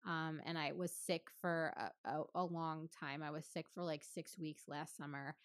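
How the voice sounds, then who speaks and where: Lower-voiced woman in her 30s, chatty pt host, lots of "like" and laughs, dry close mic. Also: normal speed, dry recording. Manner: chatty, many fillers, laughs often, lively storytelling. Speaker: physical therapist and podcast co-host. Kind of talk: casual chat.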